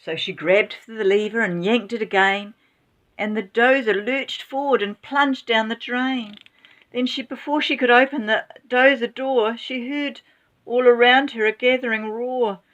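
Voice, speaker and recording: A woman reading a rhyming children's story aloud in an expressive, dramatic way, with exclamations. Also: on the high side, unhurried, dull audio.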